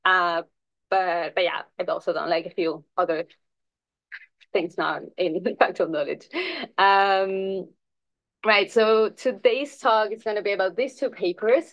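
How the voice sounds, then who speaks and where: A woman's voice: mid-range voice, fairly even intonation, a little slow, no echo, muffled recording. A young woman from Chile who is a PhD researcher, giving a research presentation in a casual style with many fillers. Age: young adult.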